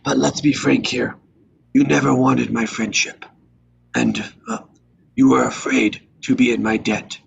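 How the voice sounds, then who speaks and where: An actor playing an ageing Italian-American mafia don in a screenplay table read, measured and reproachful, with a husky rasp. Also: male voice, medium pitch, fairly even intonation, dull audio, a little hiss or hum. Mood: cool reproach. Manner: slow, deliberate, reproachful.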